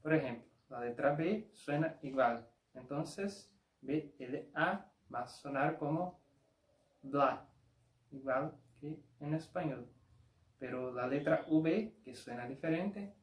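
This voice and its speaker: Slow, deliberate man. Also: medium pitch, roomy sound, rough recording. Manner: slow and deliberate, spells out and repeats each sound. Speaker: language teacher. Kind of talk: pronunciation lesson.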